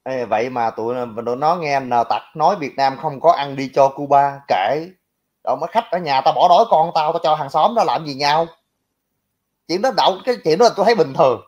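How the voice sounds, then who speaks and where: A man's voice: fairly high pitch, brisk, darkish tone, highs cut off. A man giving blunt, mocking casual political commentary, talking directly to his viewers. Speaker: livestream commentator.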